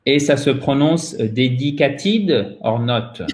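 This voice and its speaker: In a roomy-sounding space, this French-born English pronunciation teacher leads an interactive lesson, explaining step by step and addressing learners directly. His mid-range voice is expressive, unhurried and a little mellow.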